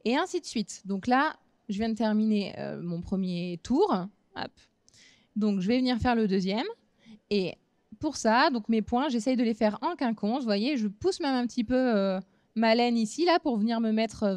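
A woman in her thirties giving a relaxed craft demonstration at a fair booth, talking casually with frequent hesitations. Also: on the high side, moderate pace, dry recording. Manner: relaxed, chatty, many hesitant fillers. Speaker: craft instructor. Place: small trade-fair stage booth.

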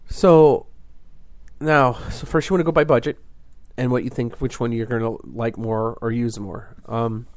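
A man's voice: mid-range voice, fairly even intonation, moderate pace, darkish tone, dry recording. A man hosting a fishing podcast, explaining things in a casual, rambling way full of fillers and restarts.

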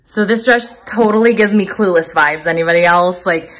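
A woman in her thirties vlogs from the furnished rooms of her home, holding her phone at arm's length as she chats casually and enthusiastically through a clothing try-on. Her voice sits fairly low, with a fairly bright tone and a moderate pace, and her manner is informal and upbeat. The audio quality is poor.

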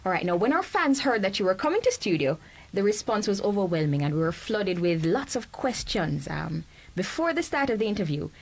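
A woman's voice: medium pitch, sing-song, a little fast. Jamaican woman hosting a radio interview. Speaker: host. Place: small radio studio, indoors. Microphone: studio microphone on a boom arm.

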